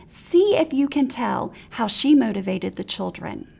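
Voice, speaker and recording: Teacher trainer, woman, high and a little gravelly, upbeat instructional talk. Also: a little slow. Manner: encouraging, practical, animated examples.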